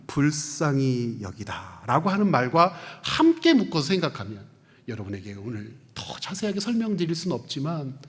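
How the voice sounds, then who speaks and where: A male pastor preaching a sermon. He asks the congregation questions and answers them himself, and he swings from loud, stressed peaks down to hushed, near-whispered lines. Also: high-pitched. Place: church sanctuary. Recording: long church reverb.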